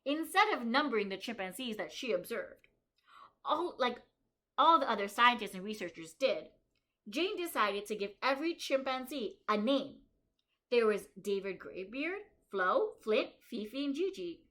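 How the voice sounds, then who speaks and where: A kindergarten teacher with a slightly high, very animated, fairly bright voice reads a picture book to young children. Along the way she pauses to reason aloud about the author's and illustrator's choices, emphasizing the key story lines by slowing her delivery.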